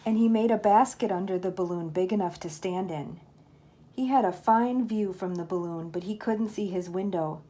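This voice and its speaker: An older woman reads a children's storybook in a mid-range voice. Like a grandmother at bedtime, she narrates expressively and at a measured pace.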